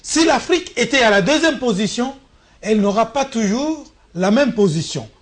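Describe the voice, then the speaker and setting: A man weighs his words carefully as a panel journalist. His commentary is formal and deliberate, with small stammers as he starts each point. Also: extremely high pitch, expressive. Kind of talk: measured political commentary.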